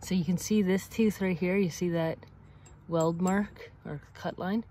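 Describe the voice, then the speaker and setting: A woman's voice: lowish voice, fairly even intonation, a little slow, dark tone. A middle-aged woman outdoors beside a sawmill, explaining maintenance steps in a practical, encouraging way, recorded on a camera mic. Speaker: sawmill owner demonstrating maintenance. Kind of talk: hands-on instructional video.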